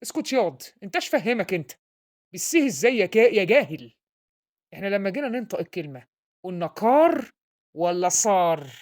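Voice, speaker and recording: A woman's voice: mid-range voice, sing-song, brisk, darkish tone, natural voice. A woman playing a blustering, pompous father with an Egyptian accent who insults his son while tutoring him and mangles English words. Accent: Egyptian Arabic. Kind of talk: comedy sketch acting.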